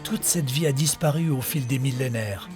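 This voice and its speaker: A man voicing a dromedary that tells its life story in measured nature documentary narration, scripted and in the first person. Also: medium pitch, over music, lightly acted. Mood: narrating. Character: male dromedary telling its own life in the desert.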